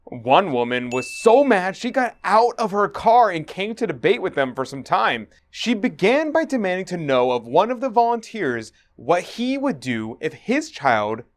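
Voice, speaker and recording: A man's voice: sits high, big pitch swings, normal speed, hardly any pauses. A man hosting and narrating in an earnest, preachy scripted manner. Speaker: host.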